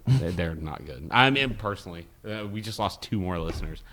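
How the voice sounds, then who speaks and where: A man talks over movies with friends, pitch swinging widely as he argues his opinions. His voice sits a bit low. Faint noise runs under the recording. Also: brisk. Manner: opinionated, swearing, animated. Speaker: podcast co-host. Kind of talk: casual chat.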